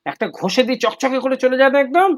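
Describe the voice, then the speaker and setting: A man's voice: very high-pitched, expressive, fast talker. A man teaching English to children in an online class, firm and repeating his prompts, heard over a video call.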